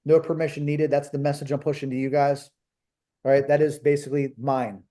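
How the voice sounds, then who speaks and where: A man's voice: fairly high pitch, flat delivery, a little fast, mellow. A man from Philadelphia, coaching on a call in a blunt, emphatic way that repeats points for stress. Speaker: business coach.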